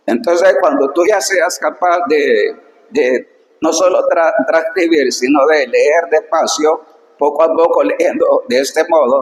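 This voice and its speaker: Patient man teaching in an echoey room. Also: a little high. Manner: reads Greek slowly syllable by syllable, then explains patiently. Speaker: Biblical Greek teacher. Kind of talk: slow instructional reading lesson. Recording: echoey room with long reverb.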